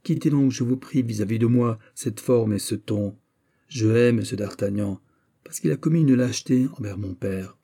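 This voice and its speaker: A man's voice: fairly low pitch, expressive, normal speed, vocal fry, dark tone. A man voicing a scheming, spiteful young nobleman who mocks and needles those around him. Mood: exasperated. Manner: insinuating, mocking, then exasperated.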